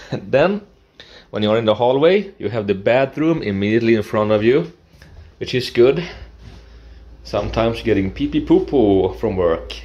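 A vlogger wearing an action camera walks through the bathroom and kitchen of his small apartment, narrating casually. He talks slowly in a low voice, hesitating, restarting, and dropping in playful asides.

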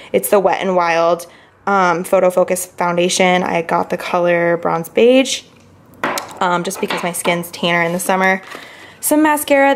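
At her kitchen counter, a young lifestyle vlogger holds a camera at arm's length and chats upbeat about her grocery haul, using lots of fillers. Her voice is fairly low, with a slight hiss or hum in the audio.

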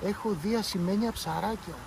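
A man voicing a quiet, dreamy boy. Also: creaky, background noise. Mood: quiet, earnest. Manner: slow, hushed, low-voiced. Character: quiet dreamy young boy, gentle, soft-spoken.

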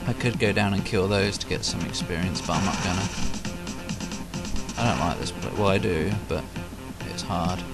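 A man's voice: deep voice, moderate pace. A man casually commentating his own gameplay, jokey and self-mocking, muttering asides. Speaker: let's play host. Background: loud game music.

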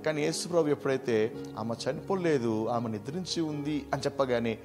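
A man teaching a verse-by-verse Bible study, preaching emphatically and swinging between loud bursts and soft asides. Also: medium pitch, fairly quick, soft background music.

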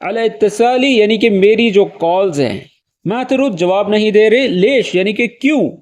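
High-voiced man teaching spoken Arabic. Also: animated, a little mellow. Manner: explains each phrase slowly, then repeats it with acted feeling. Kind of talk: friendly spoken-language lesson with acted phrases.

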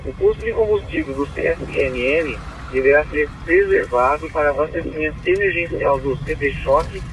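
A police radio dispatcher with a Brazilian accent, his voice fairly high-pitched, recites codes and numbers in a formal, polite way at a moderate pace. The transmission is tinny two-way radio with slight hiss or hum.

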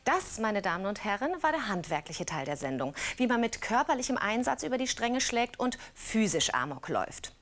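Woman, TV presenter, scripted studio delivery, lively intonation, slightly high. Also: moderate pace, hardly any pauses. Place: television studio.

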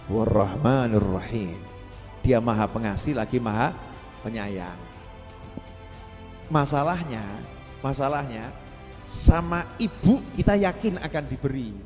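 A man preaching a sermon, lively and quizzing his listeners. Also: mid-range voice, unhurried, pauses often, big-room sound, soft background music. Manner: lively, asks the audience questions.

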